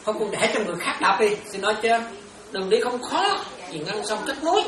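Buddhist nun chatting in an echoey hall. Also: female voice, medium pitch, very animated, a little fast, a bit bright. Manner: chatty, laughing, addresses listeners as children. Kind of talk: informal dharma talk. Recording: roomy, from far off, crowd around.

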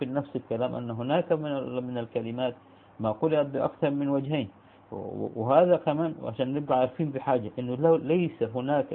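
A man with an Egyptian Arabic accent giving a spoken religious lesson. He talks in a halting way, with many restarts, and asks and answers his own questions. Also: mid-range voice, creaky. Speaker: Islamic studies teacher. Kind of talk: spoken lecture. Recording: phone-like narrow band.

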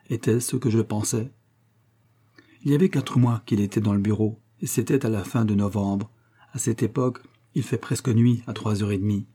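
A man reading a classic story aloud as audiobook narration, in a steady storytelling manner. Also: fairly low pitch, slightly rough. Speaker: audiobook reader.

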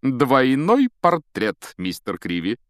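A man's voice: mid-range voice, huge pitch swings, takes it slowly, dry recording, studio quality, voice pushed up. A man voicing a vain, pompous wizard teacher who talks in a grand, sing-song way, in an audiobook. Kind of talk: audiobook character voice.

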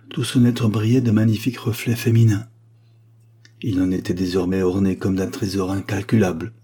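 Man, audiobook narrator, literary fiction, measured, low voice, dark, husky. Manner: measured, expressive reading.

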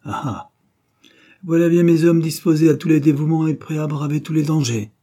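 A man reading aloud, voicing a proud, vengeful young woman with a scornful, sharp delivery. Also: medium pitch, normal speed, husky, lightly acted.

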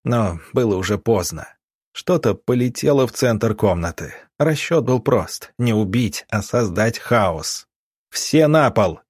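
Low husky male audiobook narrator. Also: animated, unhurried, darkish tone, dry recording, studio quality.

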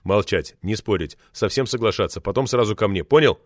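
A man playing an agitated official giving clipped, hushed orders in an audiobook reading. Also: on the low side, lively intonation, fairly quick, no echo, studio quality, pitched below the performer's own voice. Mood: urgent warning. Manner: clipped, urgent, half-whispered. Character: agitated middle-aged male official, hushed and urgent.

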